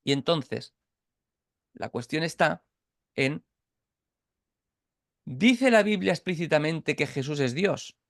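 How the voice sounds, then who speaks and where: Speaking slowly with long pauses, this Catalan man runs an informal Bible study on a video call, breaking ideas into steps, frequently starting over and asking if people understand. His slightly high voice stays animated. The recording has studio clarity and no echo.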